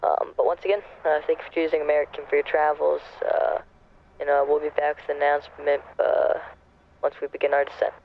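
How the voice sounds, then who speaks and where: A male airline pilot making an in-flight cabin announcement, halting with many fillers and self-corrections. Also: fairly high pitch, completely flat delivery, creaky. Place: airplane cockpit. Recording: tinny cabin PA with engine hum.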